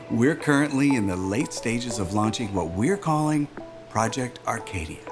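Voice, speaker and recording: A medium-pitched male voice portrays a confident, silver-tongued aerospace executive in a naturalistic audio drama. His salesman-like polish comes through as he pitches proudly.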